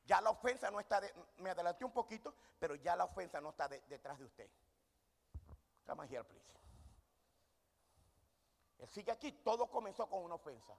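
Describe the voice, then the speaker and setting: A man's voice: sits high, expressive, moderate pace, vocal fry, pauses often. A man preaching a sermon in a church hall. He poses questions to the congregation and answers them himself. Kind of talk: sermon with audience call-and-response. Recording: long hall reverb.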